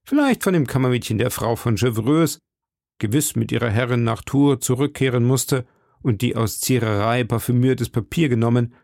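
A man reading an audiobook, voicing a lively, playful young swordsman in a slightly raised voice. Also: mid-range voice, normal speed, vocal fry, no room sound, clean studio sound, natural voice. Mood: teasing. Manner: playful, mock-serious. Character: lively young male swordsman, teasing and warm.

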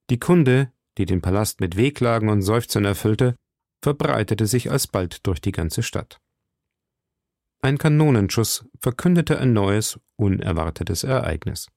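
A man reading a classic novel aloud in measured, steady narration. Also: fairly low pitch, dry recording, studio quality. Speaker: reader. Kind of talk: audiobook reading.

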